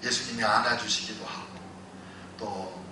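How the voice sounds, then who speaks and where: A male pastor preaching a sermon, telling stories that move between loud exclamations and hushed retelling. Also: lowish voice, steady tone, a little slow, slight background noise. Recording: echoey church hall, voice from a distance.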